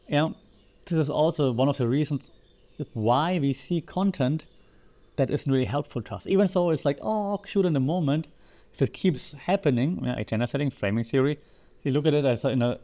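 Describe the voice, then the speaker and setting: A man hosting a podcast, explaining ideas in a lively way and asking the listener rhetorical questions. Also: fairly high pitch. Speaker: podcast host.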